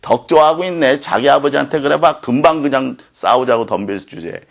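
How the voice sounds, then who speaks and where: A man's voice: medium pitch, a little fast, vocal fry. A man preaching a sermon as pastor, speaking in an indignant, impassioned way.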